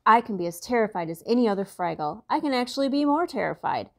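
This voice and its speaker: A woman reading a storybook aloud and voicing Boober, a grumpy, fretful male Fraggle, slow and emphatic. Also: a little high, big pitch swings, fairly bright tone. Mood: resolute.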